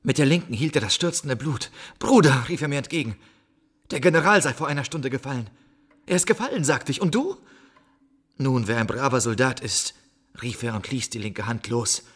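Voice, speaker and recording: A solemn stranger bearing grim news in a classic radio play. His husky, mid-pitched voice tells the tale with measured gravity. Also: lively intonation, a bit bright. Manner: solemn storytelling.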